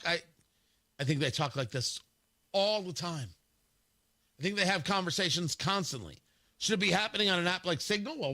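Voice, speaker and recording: Male talk radio host, high and bright-toned, combative and scornful, opinion monologue. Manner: combative and scornful, with frequent restarts.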